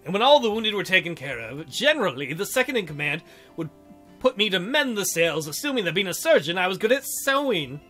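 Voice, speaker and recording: His voice sits high and swings widely in pitch, fairly quick, pushed and bright. The man is hosting a let's play, narrating a visual novel and layering on jokey, theatrical remarks and silly mock voices. Game music plays in the background.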